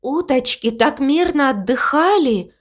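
A kindly mother cow who wonders about everything, her voice lifted high above the narrator's own, as a woman puts her on. She speaks slowly and warmly, with lots of lilt in every line. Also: animated. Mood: sorry. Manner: wondering, soft-hearted. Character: gentle curious mother cow.

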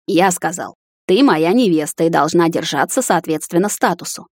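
A woman's voice: fairly low pitch, lively intonation, moderate pace, dry recording. A woman voicing a stern young male captain and hunter who scolds and coaxes his fiancée, in a storybook reading. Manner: scolding then softly coaxing.

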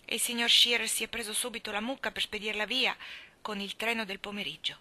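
Impulsive earnest teen girl, as a lady reads her, bright sharp voice, talks all eager. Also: medium pitch, steady tone, brisk. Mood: pleading. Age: teens. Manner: eager and pleading.

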